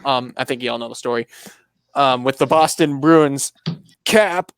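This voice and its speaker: A man's voice: mid-range voice, normal speed, smooth. A man hosting a casual motorsport podcast, talking in a rambling, anecdotal way with many restarts. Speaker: podcast host.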